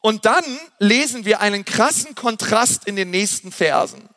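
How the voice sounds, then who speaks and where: A man's voice: high voice, lively intonation, normal speed, sharp tone, long reverb tail. A male pastor preaching a sermon with energy, repeating refrains and using casual slang. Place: church hall.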